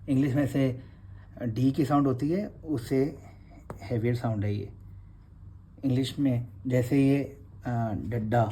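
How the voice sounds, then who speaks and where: A man's voice: mid-range voice, dark tone, breathy edge. A man, teaching Gurmukhi letters in a revision class and patiently repeating each sound.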